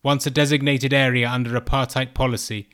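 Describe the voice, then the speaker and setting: A man's voice: mid-range voice, little pitch movement, a bit bright, clean tone. Man narrating a podcast script. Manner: measured, read-aloud delivery. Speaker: podcast host.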